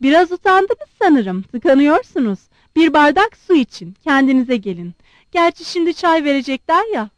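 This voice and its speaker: A woman reading aloud and voicing a proud, blunt young woman who questions her suitor sharply and quickly. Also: sits high, big pitch swings, dry recording. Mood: sharp demanding.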